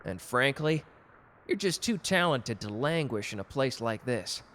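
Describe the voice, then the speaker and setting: In a romantic roleplay audio drama, a man voices a cocky, gallant, protective customer who flirts teasingly in a suave, intimate one-sided conversation. His mid-range voice is very animated, a bit bright, and a little slow. The mood is teasing and friendly.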